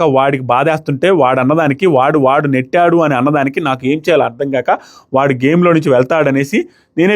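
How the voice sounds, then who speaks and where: A man reviewing a reality show episode, recounting scenes with emphatic opinions and acting out the quoted lines. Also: mid-range voice.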